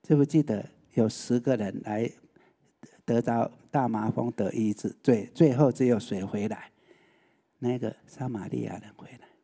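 Low-toned male preacher asking questions. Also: normal speed, gravelly, warm tone, slightly rough. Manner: questioning the listeners, rhetorical. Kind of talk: sermon.

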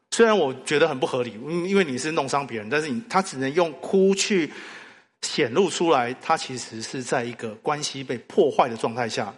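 A man preaching a sermon, telling stories and asking the congregation questions. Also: fairly high pitch. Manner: animated storytelling with rhetorical questions. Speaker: pastor. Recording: long hall reverb.

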